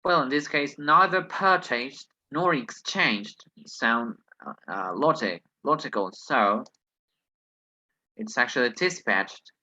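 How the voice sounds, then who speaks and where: A man's voice: medium pitch, lively intonation, takes it slowly, sharp tone, muffled recording. A man who is not a native English speaker teaches an online lesson, reasoning hesitantly through exercises with many fillers. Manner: hesitant, thinks aloud, many "well"s.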